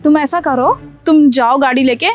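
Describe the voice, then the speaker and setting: A sharp-tongued young wife in a cartoon story, voiced by a woman, scolding and brushing off every request. Her voice sits very high, and soft music hums in the background. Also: moderate pace, natural voice. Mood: irritated. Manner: scolding, dismissive, full of excuses. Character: scheming young wife, bossy and evasive. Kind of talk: Hindi cartoon story dubbing.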